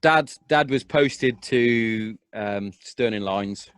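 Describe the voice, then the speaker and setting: A young Englishman rambles through a casual podcast chat at a middling pitch. His voice sits dry and close to the mic, full of restarts and offhand swearing. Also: slow pace, clear, resonant tone, no room sound. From England. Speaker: podcast host.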